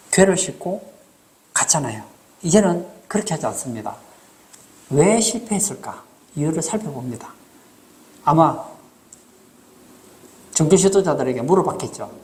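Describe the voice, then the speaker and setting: A man's voice: fairly high pitch, darkish tone. A man preaching a sermon as pastor, asking the congregation rhetorical questions and acting out short quotes.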